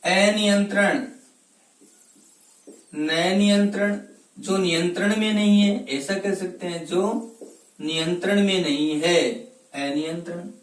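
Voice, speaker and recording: A woman's voice: on the low side, measured pace, distant mic. A woman teacher giving a recorded grammar lesson, repeating each example word and answering her own questions. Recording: roomy echo, voice set back from the mic.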